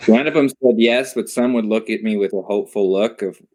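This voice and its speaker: A young man on a casual comedy podcast, speaking with dry, self-deprecating humor. His voice is very low and deep. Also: fairly quick, a little mellow. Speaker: podcast co-host.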